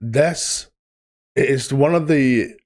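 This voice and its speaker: A man from Sweden with a Swedish accent, talking through a video in casual reaction commentary, eager and blunt with drawn-out pauses. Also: mid-range voice, a little mellow.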